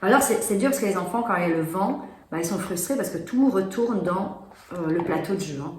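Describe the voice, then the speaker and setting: Brisk and animated, a woman with a lowish, slightly mellow voice presents and plays children's board games, chatting through the rules. The casual product demo was recorded in an echoey room with faint noise.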